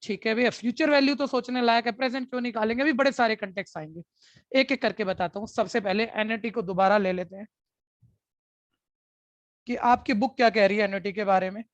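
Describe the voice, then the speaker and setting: A man's voice: high voice, brisk, fairly bright tone, dry recording. A male commerce teacher explains things in a chatty lecture, repeating his key phrases and calling his students brother. The sound is dry and close, with no room around it. The recording is dull and lo-fi. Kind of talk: classroom lecture.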